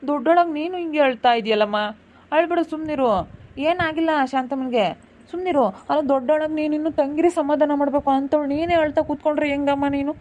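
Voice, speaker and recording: A woman playing an aunt who keeps hushing and comforting crying relatives at a hospital. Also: high-pitched, brisk, highs cut off, close to an everyday voice. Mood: soothing. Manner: soothing, coaxing, repeats "hush".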